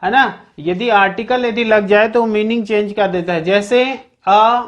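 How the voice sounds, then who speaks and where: A teacher explaining a grammar lesson, repeating the same check-in phrases and slowing down for each example sentence. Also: mid-range voice. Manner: checks understanding constantly with repeated "okay, keep in mind"; slows down to spell out example sentences.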